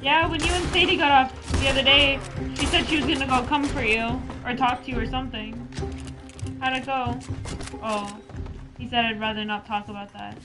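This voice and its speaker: A woman's voice: sits high, steady tone, moderate pace, over music, poor audio. A woman streaming a game, chatting casually, reading viewer comments aloud and swearing now and then. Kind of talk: casual gameplay chat.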